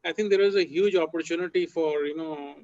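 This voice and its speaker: A man making an earnest point in an online meeting, with throat clearing and fillers. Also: a little high, a little fast, darkish tone. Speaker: meeting participant. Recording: dull lo-fi call audio.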